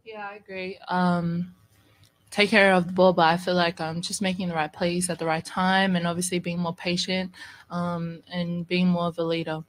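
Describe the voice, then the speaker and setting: A woman's voice: on the low side, flat delivery, normal speed, slight background noise. A young woman college basketball player answering postgame press questions, hesitant with frequent ums, into a table microphone. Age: young adult.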